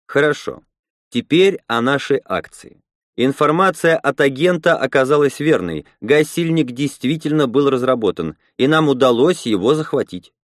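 A man's voice: mid-range voice, expressive, moderate pace, no echo, studio quality, pitched above the performer's own voice, natural voice. A man reading a story, voicing a pleased male leader giving a speech to a crowd. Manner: speechmaking, smug. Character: male rebel leader Zyama, pleased orator.

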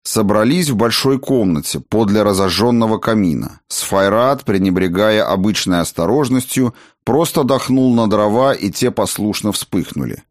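A man narrating a fantasy audiobook in a measured, expressive storytelling manner. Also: fairly low pitch, no echo, studio quality.

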